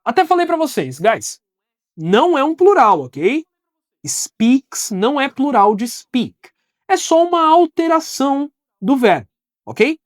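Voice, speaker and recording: Brazilian woman teaching slow, clear English. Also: sits high, very animated, no echo, studio quality. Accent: Brazilian Portuguese. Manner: patient, explains in simple steps, says English examples slowly and clearly. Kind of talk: recorded online lesson. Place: video recording with an editor behind the camera.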